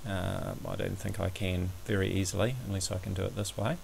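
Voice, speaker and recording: A man giving a measured, somewhat hesitant step-by-step explanatory commentary over a screen recording, as an amateur astronomy presenter. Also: deep voice, level tone, creaky, darkish tone, slight background noise.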